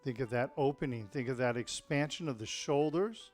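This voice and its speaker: A man's voice: medium pitch, normal speed, a little mellow, faint music behind. A man teaching tai chi in an informal, explanatory and encouraging way, often checking in with his listeners. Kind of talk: informal spoken class instruction.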